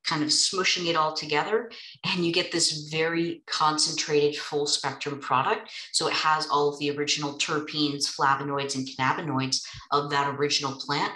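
A woman's voice: low voice, little pitch movement, moderate pace, pushed and bright, echoey room, low-quality recording. A woman co-hosting a webinar as a nurse, explaining medical points in an upbeat way with some fillers. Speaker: nurse co-host.

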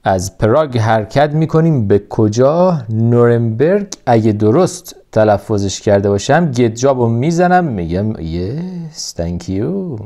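A man giving casual, excited commentary over a mobile truck game, coaxing the truck along. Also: mid-range voice, few pauses. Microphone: phone recording.

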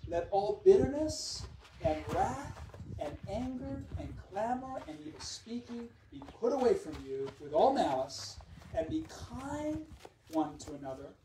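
A pastor preaches at a camp meeting in a fairly high voice. He swings between emphatic, ringing declarations and quiet, conversational asides. The recording is roomy and distant, with clear background noise. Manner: conversational, with frequent asides to the audience. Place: large hall or tent at a camp meeting. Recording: echoey, noisy room recording from a distance.

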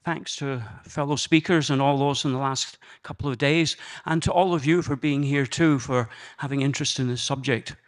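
Older man, Scottish accent, earnest measured storytelling, conference room, handheld mic. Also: medium pitch, fairly even intonation. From Scotland. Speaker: conference speaker. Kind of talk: personal talk at a conference. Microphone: handheld microphone.

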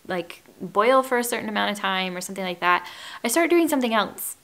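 Talking fairly quickly in a mid-range voice, a thirtysomething home and lifestyle YouTuber chats to camera from her wood-floored living room in a casual get-to-know-me video. Her breathy voice is calming, her manner gentle and chatty with light laughs, shot chest-up.

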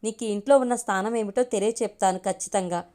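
Audio story: a woman doing a pained, earnest young man, mid-pitched. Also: fast, dark tone, natural voice. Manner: pained, emotional pleading.

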